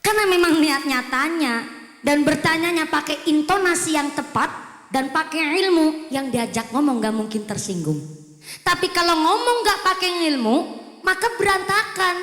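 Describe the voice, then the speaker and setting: Woman, preacher, lively joking sermon, high voice, long hall reverb. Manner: lively, joking preaching mixing in local dialect. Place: mosque religious gathering.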